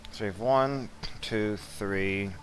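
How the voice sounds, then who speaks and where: A man giving relaxed, blunt commentary while walking through a strategy game, with mildly profane asides. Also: fairly low pitch, takes it slowly. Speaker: strategy game guide presenter. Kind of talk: casual gameplay commentary.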